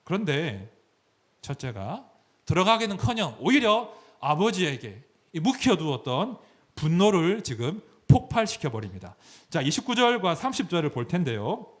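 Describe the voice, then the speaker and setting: A male pastor giving a sermon, his voice fairly high and full of lively rises and falls. He walks the congregation through scripture, often acting out the speakers. The delivery is engaging and explanatory. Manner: animated, explanatory, dramatizes scripture.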